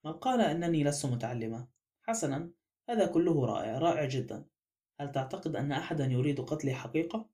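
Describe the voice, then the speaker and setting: A stubborn young woman who answers with light mockery, as a man reads her in an audiobook. The voice is a little high for a man and has a soft, dark tone. The manner stays offhand and teasing. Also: expressive, fast, natural voice. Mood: mocking. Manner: light and mocking. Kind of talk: audiobook character reading.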